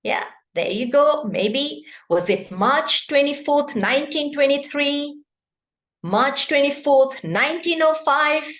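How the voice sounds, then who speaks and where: A woman from Kenya speaks as a club speaker in a prepared online-meeting speech, often turning questions to her audience via video call. Her high-pitched voice is slow, a bit bright, and lively in intonation, recorded in an echoey room.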